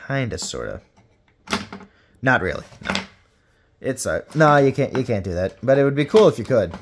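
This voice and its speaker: A man's voice: medium pitch, big pitch swings, moderate pace, a little hiss or hum. A man chatting casually through a toy review with playful swearing, his voice carrying a noticeable room reverb.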